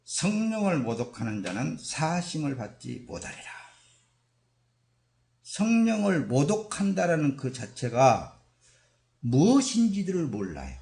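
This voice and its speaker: Gravelly, animated preaching man in echoey church. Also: on the high side, measured pace. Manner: emphatic preaching with dramatic quoted voices. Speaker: pastor. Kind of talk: sermon. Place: church sanctuary.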